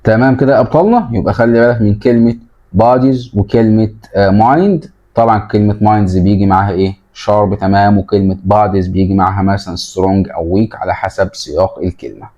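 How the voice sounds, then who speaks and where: A man's voice: lowish voice, fairly quick, dark tone, highs cut off. Egyptian man teaching English to kids. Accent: Egyptian Arabic. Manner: patient, repeats key words and asks the pupils questions. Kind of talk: explaining textbook exercises to children.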